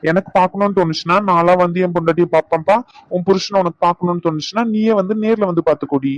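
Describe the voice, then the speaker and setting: A man's voice: high-pitched, fairly even intonation, rapid-fire, no room sound, muffled recording, soft background music, lightly acted. A man voicing a teasing, bossy young husband in a cartoon, scolding in banter. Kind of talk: cartoon voice acting.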